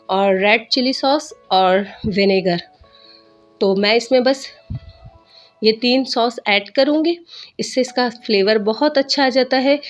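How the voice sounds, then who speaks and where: A woman narrating her cooking vlog in a chatty voice-over, explaining each step to viewers, her throat a little sore. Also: on the high side. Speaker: cooking vlogger. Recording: dull lo-fi voice-over with soft music.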